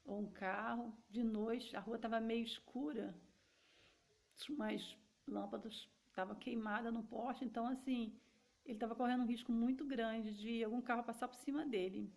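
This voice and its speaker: Brazilian woman telling a story to her viewers, chatty, kinda gravelly voice. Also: a little high, steady tone, normal speed, darkish tone. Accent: Brazilian Portuguese. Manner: conversational, addresses listeners directly. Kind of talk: personal testimony, casual storytelling.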